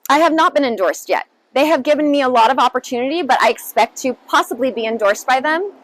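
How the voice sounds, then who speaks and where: A woman's voice: high-pitched, lively intonation, fast, low-quality recording. A woman in her late twenties, a council candidate, answering interview questions in an upbeat, earnest way with many fillers. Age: 20s. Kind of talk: sit-down news interview.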